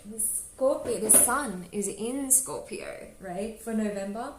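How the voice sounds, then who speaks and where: A woman gives a casual tarot reading to camera in a loose, chatty way, full of "like" fillers and quick giggles. Her voice sits at an ordinary middle pitch for a woman. The room echoes around her, with faint ambient noise behind. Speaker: tarot reader. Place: home room with birds nearby. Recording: roomy echo with faint background ambience.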